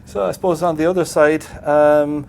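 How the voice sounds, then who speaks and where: A man from Galway with a West of Ireland accent, chatting casually in an interview and haltingly thinking aloud. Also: creaky. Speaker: president of a voluntary radio society. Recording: steady background noise with low rumble.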